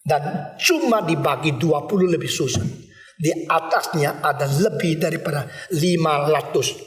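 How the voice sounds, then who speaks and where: A male pastor preaching a sermon, animated and emphatic, now and then mixing in English words. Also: on the high side. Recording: echoey hall from a distance.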